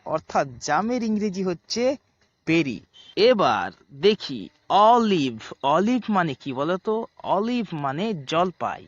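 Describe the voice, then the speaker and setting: A man hosting a casual spoken lesson, chatty and friendly, saying each word twice, slowly and clearly. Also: high-pitched, no echo, lo-fi sound. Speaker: channel host teaching English words.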